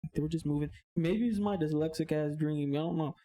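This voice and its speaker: A man, a podcast guest, telling a story in casual chat. He is animated, swears a lot and mixes in Spanish slang. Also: on the high side, brisk, dry recording.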